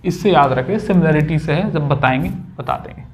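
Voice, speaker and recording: A man's voice: fairly high pitch, a little fast. A young man teaching a maths lesson at a whiteboard, chatty and casual, joking with his students.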